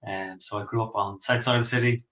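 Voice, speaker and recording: Man, Dublin accent, middle-aged, hesitant, lowish voice, lo-fi, roomy. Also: steady tone, fast talker, fairly bright tone. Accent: Irish, Dublin. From Ireland. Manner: hesitant, many ums and restarts. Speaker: pastor and author. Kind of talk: interview answers. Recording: echoey, dull lo-fi sound.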